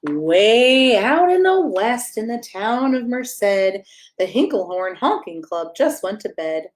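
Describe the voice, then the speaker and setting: Slowly and with a very animated, somewhat high voice, a woman pastor reads a rhyming picture book as a bedtime story. She reads it expressively, playfully talking to the children and posing questions to them.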